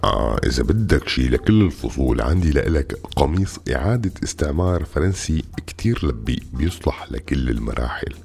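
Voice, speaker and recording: A man playing a pushy, gravelly clothes seller with a Syrian Arabic accent and insistent patter in a comic radio sketch. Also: very deep voice, very animated, brisk, few pauses, darkish tone, full character voice. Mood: insistent selling. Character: pushy male clothes seller peddling political outfits.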